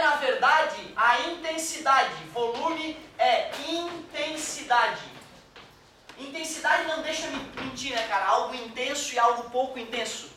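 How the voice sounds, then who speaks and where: A man's voice: very high-pitched, sharp tone, a little hiss or hum. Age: adult. Sex: man. Role: teacher. Style: jokey classroom lecture with swearing. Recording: very echoey room, voice far from the mic. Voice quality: joking, colloquial, drops swear words, acts out quoted voices. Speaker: physics teacher.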